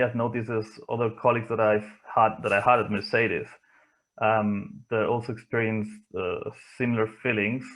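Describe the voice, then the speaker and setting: Speaking English as a second language, a man from near Barcelona who works as a motorsport engineer reflects on interview questions with a Spanish accent. His pitch is medium, and he comes across as thoughtful and hesitant, often stopping to pause. The recording is rough.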